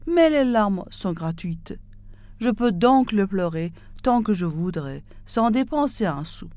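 A woman's voice: medium pitch, very animated, slow, warm tone. A woman voicing a weeping, miserly man in a spoken fairy tale, delivering his lines in a plaintive, tearful way. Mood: stubborn. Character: weeping, stingy man grieving his dog.

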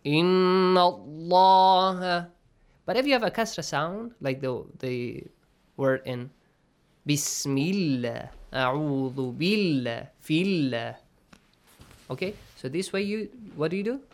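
A teacher giving a recitation lesson, checking in often with "okay?" and "right?" and drawing out sounds slowly to demonstrate them. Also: medium pitch, expressive. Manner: slow, drawn-out demonstrations of pronunciation. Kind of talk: tajweed lesson to students.

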